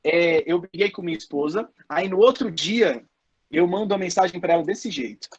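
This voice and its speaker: A man's voice: sits high, normal speed, breathy edge, highs cut off. A man giving a casual online lecture to his students, repeating points for emphasis, with many restarts. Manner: frequent restarts and filler "é". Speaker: professor.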